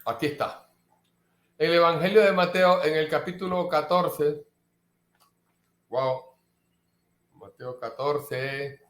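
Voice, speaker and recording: High-pitched guy preaching slow, lots of repeating, echoey room. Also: a bit bright. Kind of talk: sermon.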